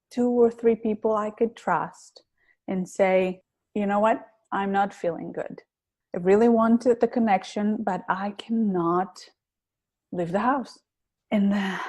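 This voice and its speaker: Being interviewed for a podcast, this Greek woman who coaches public speaking talks earnestly and thoughtfully, pausing hesitantly at times. She has a heavy Greek accent and a medium-pitched, somewhat dark voice.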